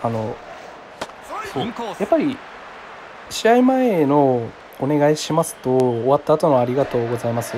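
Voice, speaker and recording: A man's voice: mid-range voice, animated, normal speed, pauses often. A man from Kagoshima casually commenting on his own baseball video game, reacting aloud and often apologizing. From Kagoshima, Japan. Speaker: game streamer. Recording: game crowd noise behind. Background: baseball game crowd sound.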